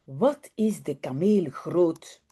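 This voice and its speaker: A woman's voice: low-pitched, expressive, slow, warm tone, slightly rough, voice pushed down, full character voice. A woman voicing a slightly anxious little girl in a read-aloud storybook. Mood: timid. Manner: hesitant, a bit anxious. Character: timid little girl Janneke.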